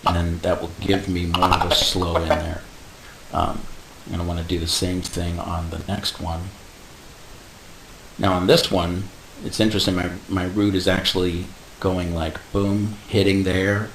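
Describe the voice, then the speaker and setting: A man explaining animation software step by step in a casual tutorial, adding little sound effects like "boom". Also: gravelly. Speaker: animation instructor. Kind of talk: screen-recorded software tutorial. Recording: echoey room with faint hiss.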